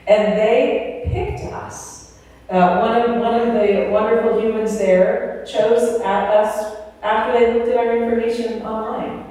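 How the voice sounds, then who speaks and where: A woman's voice: on the high side, little pitch movement, slow, mellow. A woman giving casual, upbeat announcements to a congregation in a chatty, informal way. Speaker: announcements host, speaker team member. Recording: echoey hall from far off.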